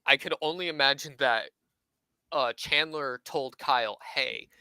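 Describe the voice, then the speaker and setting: Twenty-something guy, bright voice, chatty storytelling, does little voices for people. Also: medium pitch, unhurried, smooth, no echo, low-quality recording. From Southern California. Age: 20s. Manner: animated anecdote teller, acts out quoted voices. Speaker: podcast guest. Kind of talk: casual storytelling chat.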